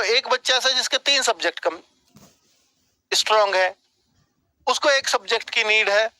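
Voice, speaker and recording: Man, coaching teacher, high-pitched, bright tone, dry close sound, direct scolding advice. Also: no room sound, poor audio. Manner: direct, scolding, repeats "ठीक है?". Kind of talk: motivational advice lecture.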